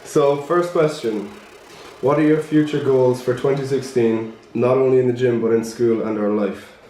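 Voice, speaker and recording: Hoarse young man in an echoey room. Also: mid-range voice, fairly even intonation, normal speed, mellow. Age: young adult. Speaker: fitness vlogger. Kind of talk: casual chat. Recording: echoey room with music behind.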